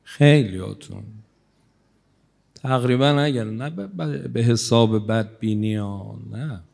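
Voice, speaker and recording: A male cleric preaching to a congregation with a gravelly, dark voice. He talks conversationally, teasing his listeners, and his volume swells and drops as he goes. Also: medium pitch, steady tone. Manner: conversational, teasing the audience, shifting loudness. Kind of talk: religious sermon to a congregation.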